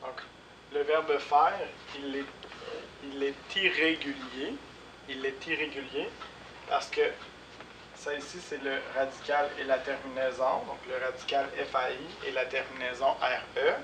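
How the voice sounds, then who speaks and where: A man with a Québécois French accent, teaching a French lesson slowly and repeating words and spellings. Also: medium pitch, steady tone. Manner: slow, deliberate, repeats words and spells them out. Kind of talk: slow classroom lesson. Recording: echoey room, voice from far off, clear background noise.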